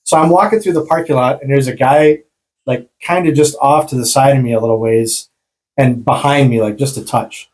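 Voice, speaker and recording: A man's voice: mid-range voice, fairly quick, darkish tone, poor audio. A man from rural Wisconsin, co-hosting a casual podcast chat, ranting heatedly and swearing freely. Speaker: podcast co-host.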